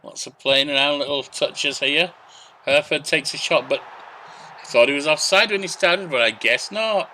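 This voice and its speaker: A man's voice: fairly high pitch, moderate pace, bright, forceful tone, slight background noise. A young adult man giving casual let's-play commentary, narrating match action in short bursts and thinking aloud. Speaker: gaming YouTuber.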